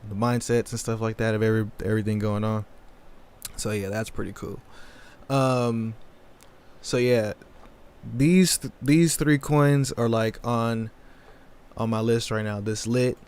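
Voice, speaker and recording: A relaxed man talking casually on a livestream, loose and full of slang. His voice is smooth and clear, at an ordinary middle pitch. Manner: laid-back, slangy, answers chat questions. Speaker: crypto livestream host.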